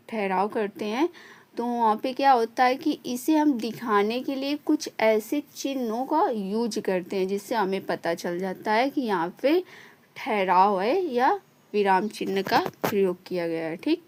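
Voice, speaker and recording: A woman teaching an online lesson at a slow, unhurried pace, her voice sitting a little above the usual. She goes over each point more than once and keeps checking in with a short "okay". The delivery stays patient and methodical throughout. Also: fairly high pitch, expressive.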